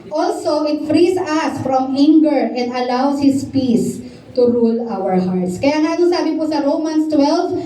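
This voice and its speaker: A woman pastor with a Filipino accent preaching a sermon, asking her listeners questions and reading scripture slowly. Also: high-pitched, animated, warm tone. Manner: mixes English and Tagalog, asks the congregation questions; reads scripture slowly and deliberately. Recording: echoey hall, distant mic, faint noise.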